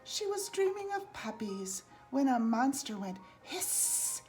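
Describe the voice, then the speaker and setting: Reading a rhyming picture book to children, a woman with a fairly high voice uses an expressive, singsong delivery full of big pitch swoops. She takes an unhurried pace while music plays along.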